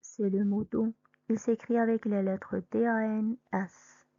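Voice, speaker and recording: A woman teaching young children to read, sounding out letters and syllables slowly and deliberately. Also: fairly high pitch, level tone, mellow, no room sound, lo-fi sound. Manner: spells letters then syllables, clear and deliberate. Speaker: reading teacher. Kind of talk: slow reading lesson for young children.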